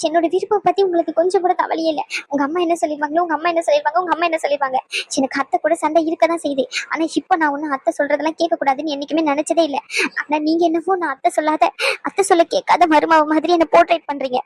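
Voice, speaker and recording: Woman playing a young pregnant wife, high voice, rapid bitter sarcasm, dry close sound, cartoon dub. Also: fairly even intonation, no room sound, close to an everyday voice. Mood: hurt. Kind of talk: dubbed cartoon acting.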